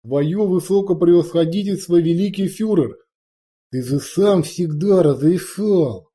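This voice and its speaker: A shrill crude orc brute. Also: male voice, measured pace, slightly rough. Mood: indignant. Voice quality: high strained shouting, coarse street slang. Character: brash loud male orc warrior, crude.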